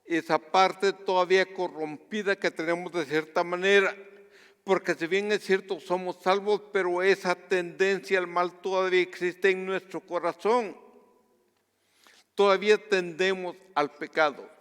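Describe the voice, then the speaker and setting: A man from Guatemala preaches a sermon at an unhurried pace. His voice sits high and comes through clean and smooth. The sound carries a long reverb, as in a large church hall. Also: steady tone. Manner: earnest, measured preaching that drops to a hush on personal stories. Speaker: pastor.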